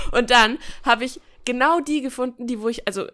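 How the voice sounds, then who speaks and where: A woman with a slightly high voice tells personal stories on her podcast at a normal pace. The conversation is casual, and her manner is chatty, colloquial and playful, with plenty of jokes and expression.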